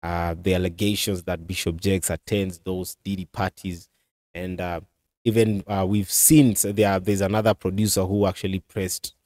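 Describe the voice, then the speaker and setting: A man's voice: deep voice, flat delivery, moderate pace, darkish tone, dry recording. A man in his thirties hosting a commentary show, talking casually with many fillers and restarts into a desk mic in a small studio. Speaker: commentary channel host. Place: small indoor studio with curtain backdrop. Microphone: desk mic on a stand.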